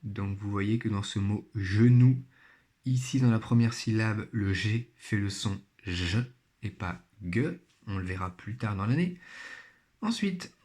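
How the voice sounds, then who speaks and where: A man's voice: lowish voice, dark tone. A man teaching a primary phonics lesson, speaking patiently and spelling out each sound and syllable carefully. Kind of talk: recorded remote phonics lesson.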